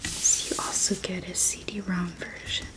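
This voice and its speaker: A woman doing a whispered role-play as a helpful librarian, speaking in a gentle, breathy hush. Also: lowish voice, little pitch movement. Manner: hushed librarian manner, gentle and unhurried. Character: soft-spoken, helpful female librarian checking out books.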